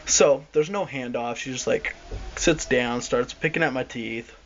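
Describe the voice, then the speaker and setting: A young man tells a story in a loose, rambling way and grows exasperated as he acts out the people in it. His voice sits at an ordinary middle pitch. The recording is dull and lo-fi, with a faint hiss behind him. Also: unhurried, a bit bright. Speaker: vlogger. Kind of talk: casual storytelling.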